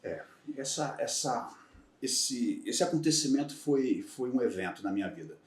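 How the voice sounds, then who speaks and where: A retired federal police agent from Salvador, Bahia, Brazil, in his fifties, tells candid, reflective stories as a guest on a casual podcast interview, speaking Bahian Brazilian Portuguese. His mid-pitched voice is expressive and moderately paced, often restarting sentences. The audio is roomy and echoey, with him sounding distant from the mic.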